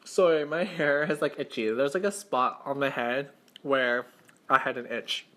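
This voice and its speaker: A man's voice: medium pitch, normal speed, a bit bright. A young man telling a story in a casual, conversational mukbang style, circling back and rephrasing, with lots of "like". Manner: conversational, repeats and rephrases himself, heavy use of "like". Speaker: mukbang vlogger. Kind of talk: casual storytime chat while eating.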